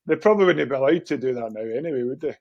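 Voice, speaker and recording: A man's voice: medium pitch, expressive, very fast, creaky, lo-fi sound. A man hosting a podcast, chatting casually and agreeably. He laughs easily and answers his guest with supportive replies. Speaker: podcast host. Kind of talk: casual chat.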